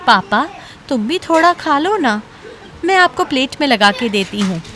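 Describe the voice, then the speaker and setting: A young cartoon daughter-in-law, earnest and firm, who will not let her family be insulted. Her voice sits high and bright. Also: very animated, moderate pace, heavily acted. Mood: gentle. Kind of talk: cartoon voice acting.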